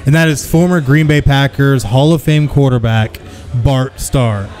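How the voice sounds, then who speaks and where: A man in his thirties speaks into a stand mic with a pop filter while hosting a live sports podcast at a taproom. The casual talk show has him upbeat and joking as he plugs the venue, in a medium-pitched, unhurried, darkish voice.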